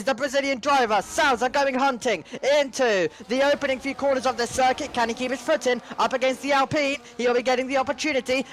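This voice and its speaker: A man giving excited motorsport commentary on sim racing, moving dramatically between analysis and urgent play-by-play. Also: extremely high pitch.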